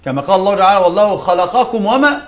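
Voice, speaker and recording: A sheikh gives a religious lesson to his students in a very animated, high male voice. He speaks emphatically, repeats key words, quotes scripture, and breaks off now and then for quick asides to the class.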